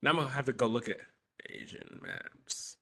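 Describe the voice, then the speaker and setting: A man's voice: mid-range voice, wildly swooping pitch, normal speed, vocal fry, pushed and bright, husky. A young man co-hosting a podcast, chatting casually, rambling and correcting himself, laughing often. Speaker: podcast co-host. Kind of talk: casual chat.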